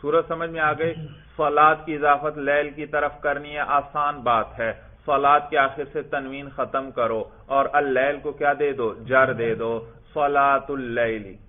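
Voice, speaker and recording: A man's voice: mid-range voice, steady tone. A man teaching a classroom grammar lesson who asks questions and answers them himself, and recites text in a chanting tone. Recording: tinny phone-like lecture recording.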